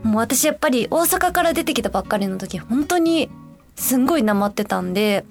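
With a high, light voice and a slightly fast pace, a young woman from Osaka, Japan, runs a casual radio chat and reads letters from listeners. Soft fillers slip in as she thinks out loud, and quiet music plays faintly underneath.

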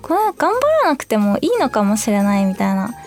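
A woman's voice: mid-range voice, sing-song, fairly quick, a little mellow, soft background music. A young woman hosting her own radio show, chatting casually and bubbly on her own, acting out little quotes as she goes. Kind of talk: casual solo free talk.

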